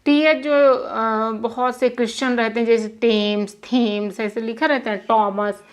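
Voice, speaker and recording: A woman's voice: a little high, fairly even intonation, unhurried. A young woman teaching English pronunciation in a Hindi lesson, patiently repeating words and spelling out letters. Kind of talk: Hindi-language lesson explaining spelling rules.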